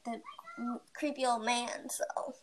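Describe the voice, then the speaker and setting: A woman's voice: fairly high pitch, steady tone, slow pace, a little hiss or hum. A teenage girl co-hosting a casual podcast, telling a rambling story with many fillers. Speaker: podcast co-host. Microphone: home mic, recorded remotely.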